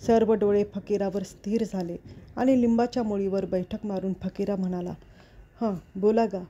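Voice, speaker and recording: Woman, storyteller, reading a novel aloud, steady expressive narration, mellow voice, dull lo-fi recording. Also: medium pitch, moderate pace.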